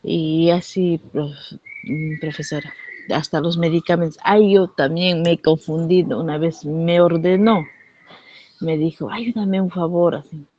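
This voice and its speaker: A woman student tells a chatty anecdote in class. Her voice sits low, and the recording sounds dull and muffled. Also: steady tone, a little slow, dark tone, a little hiss or hum. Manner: chatty, storytelling.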